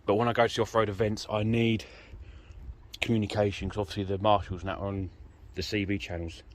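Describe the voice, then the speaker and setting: Fast and flat in delivery, his voice is on the low side. A British vlogger who does amateur vehicle DIY, he gives an informal, self-deprecating walkthrough into a handheld camera while working in and around an off-road vehicle outdoors. The handheld phone or camera mic yields a noisy recording with the vehicle's ambience.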